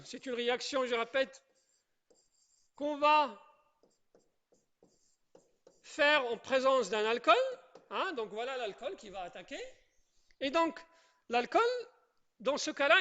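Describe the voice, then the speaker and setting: A chemistry teacher with a high voice lectures a class from the board. The teacher keeps repeating key points and checking that students follow. Now and then the teacher asks the room for the next step and praises the answers. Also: animated, measured pace, long pauses, sharp tone, lo-fi sound. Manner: repetitive, checks in with "d'accord?" and "je répète".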